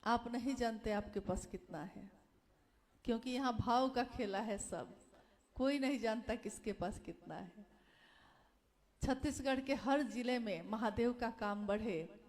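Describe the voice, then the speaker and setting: A woman speaks to a devotional gathering in a high voice. She talks slowly and earnestly. She pleads with her listeners and repeats her key phrases. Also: darkish tone. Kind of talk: devotional talk.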